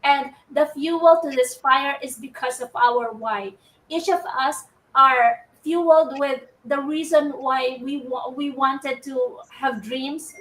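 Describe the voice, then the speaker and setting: Filipina lady hosting a live stream, kinda high voice, chatty and rambly, echoey and a bit far from the mic. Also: a bit bright. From Philippines. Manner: upbeat, rambling, frequent restarts. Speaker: live show co-host. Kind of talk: casual live-stream talk. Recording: roomy audio from away from the mic.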